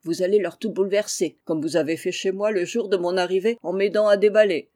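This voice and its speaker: A woman's voice: mid-range voice, fairly even intonation, brisk, a little mellow, lightly acted. A woman voicing a cheerful, teasing old general who is an uncle. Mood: jovial.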